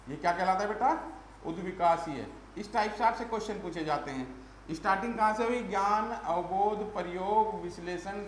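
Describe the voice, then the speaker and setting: A man's voice: sits high, echoey room. Man, teacher, exam-prep lecture, repeats terms, faint room hum. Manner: addresses students as "beta", repeats key terms.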